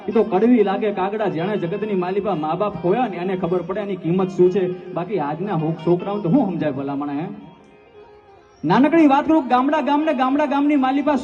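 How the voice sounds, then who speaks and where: A man, telling folk stories at a live stage show, emphatic and repeating his phrases as he keeps addressing the crowd. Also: sits high. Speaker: folk storyteller at a live dayro. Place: outdoor festival stage. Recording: echoey live stage audio from far, dull, faint guitar.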